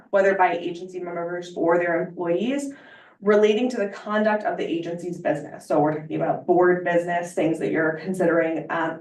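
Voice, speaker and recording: Breathless woman presenting in an echoey room. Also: medium pitch. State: short of breath. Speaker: lawyer briefing a school board. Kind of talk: formal informational presentation. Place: public board meeting room. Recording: echoey meeting room, far from mic.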